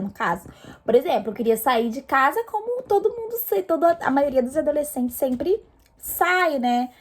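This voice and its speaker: A woman's voice: a little high, darkish tone. A young woman from Brazil casually telling a personal story to her viewers, chatty and full of fillers. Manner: chatty, many fillers and restarts. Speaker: vlogger.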